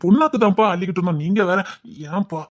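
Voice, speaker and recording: A man's voice: high-pitched, animated. A young man playing a village son who stammers out excuses to his father and reassures his girlfriend. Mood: sheepish. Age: young adult. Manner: stammering excuses, fast and husky.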